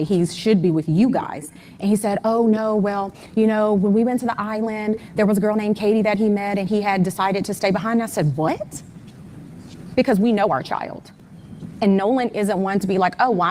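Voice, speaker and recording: A middle-aged woman speaks in a slightly low register as an interview guest. She goes through events one at a time, peppering her account with "um" and "like". A faint hiss sits under her voice. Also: a little mellow. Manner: detailed step-by-step retelling with frequent "um" and "like". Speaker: interview guest, mother of the missing person. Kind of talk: conversational personal account.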